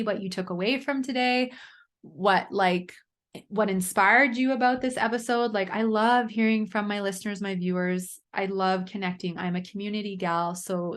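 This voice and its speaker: A woman hosting a solo self-help podcast, talking earnestly and chattily, often adding "right?". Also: mid-range voice. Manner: chatty, earnest, frequent "right?" tag questions. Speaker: podcast host and coach.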